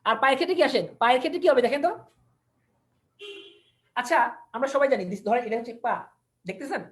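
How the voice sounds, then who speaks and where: A woman's voice: high-pitched, lively intonation, fast. A woman teaching an online anatomy class, switching between languages for technical terms, repeating key words and quizzing her listeners. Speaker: anatomy lecturer.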